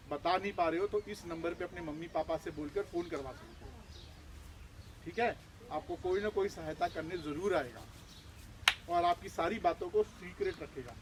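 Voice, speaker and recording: A man teaching village children outdoors, lively and full of questions to them. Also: fairly high pitch, slight background noise. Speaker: outreach trainer.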